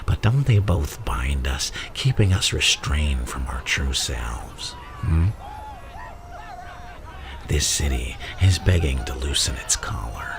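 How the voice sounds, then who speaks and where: A man playing a menacing, theatrical mad clown mastermind in an ASMR roleplay, insinuating and drawn-out, with a gravelly voice that slips into breathy whispers. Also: a bass voice, lively intonation, over music, full character voice. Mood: philosophical, sly. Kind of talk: ASMR roleplay villain monologue.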